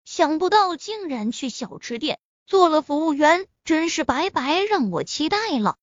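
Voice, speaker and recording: A woman's voice: high-pitched, no echo. A woman voicing a cool, elegant young female executive who speaks with aloof reserve, on a dull lo-fi recording.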